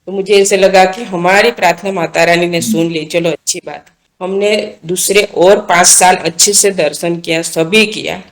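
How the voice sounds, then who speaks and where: A woman's voice: lowish voice, fairly even intonation, moderate pace. Earnest woman telling a devotional story. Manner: earnest, repeats and restarts phrases. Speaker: guest recounting a devotional experience. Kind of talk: casual spoken storytelling.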